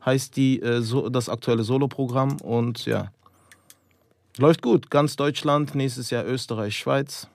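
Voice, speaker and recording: A man's voice: medium pitch, a little slow, creaky, no echo. Joking mid-thirties comedian man. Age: 30s. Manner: cocky, joking deadpan. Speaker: stand-up comedian guest. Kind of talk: casual podcast chat.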